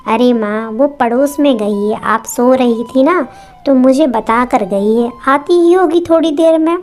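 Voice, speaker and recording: A woman voicing a grown son who calmly tries to placate his mother. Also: high-pitched, a little slow. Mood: placating. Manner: reassuring, placating. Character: calm, placating adult son and husband.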